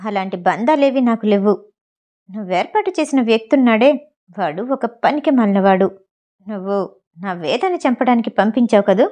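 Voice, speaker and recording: A woman's voice: on the high side, lively intonation, moderate pace, darkish tone, natural voice. A woman voicing an angry, protective young man who speaks sternly and threateningly, in a storybook reading.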